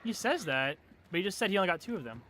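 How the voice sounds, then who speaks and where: Young guy ranting on a game stream, swears a lot, bright edgy voice, bit of faint hiss. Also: sits high, big pitch swings, fast. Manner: frustrated ranting, swearing, outbursts. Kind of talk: live game stream commentary.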